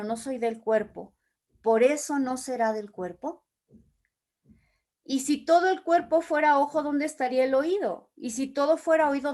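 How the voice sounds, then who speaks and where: A woman's voice: sits high, a little mellow. A woman leading a Bible study, reading scripture aloud and explaining it with everyday examples. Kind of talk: Bible teaching.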